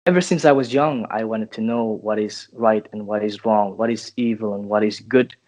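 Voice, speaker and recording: A man in his twenties from Finland, a guest answering interview questions in a thoughtful, halting way with restarts. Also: on the low side, darkish tone. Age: 20s.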